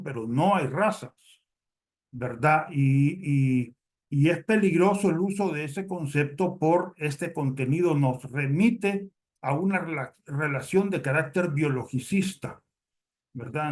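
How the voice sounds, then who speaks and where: A man giving a hesitant, explanatory comment in a seminar question round, often repeating words. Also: on the high side. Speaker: audience member commenting.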